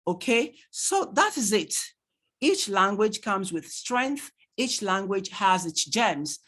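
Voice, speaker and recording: The voice sits high and the pace is slow: a Nigerian-accented male tutor running an online training session for parents on a computer mic. Animated, he strings together rhetorical questions and laughs freely while reading the chat.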